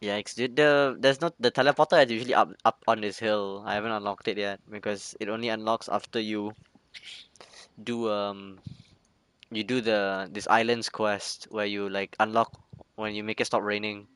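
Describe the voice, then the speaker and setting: A man's voice: on the low side, flat delivery, normal speed, fairly bright tone, smooth. A man doing casual gameplay commentary as a streamer, playfully repeating short phrases. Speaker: game streamer.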